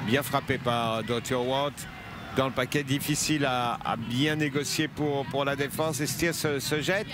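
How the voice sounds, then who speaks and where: A man's voice: medium pitch, steady tone, moderate pace. A man giving sports commentary as an analyst, breaking down the play. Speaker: match analyst. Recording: loud outdoor stadium noise behind. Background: loud ambient noise.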